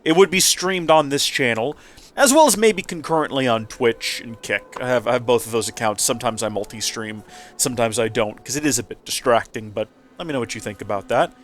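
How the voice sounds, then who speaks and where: A man hosts a let's play, chatting casually with rambling asides in a mid-range, fairly bright voice at a fairly quick pace. His nose sounds stuffy, making him a little nasal.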